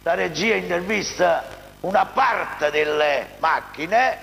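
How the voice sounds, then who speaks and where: High-pitched Neapolitan man doing an infomercial pitch. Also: slow, creaky, fairly bright tone. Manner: insistent, colloquial, punctuated with "ok?". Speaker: car dealer pitching his showroom. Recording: noisy hall with long reverb.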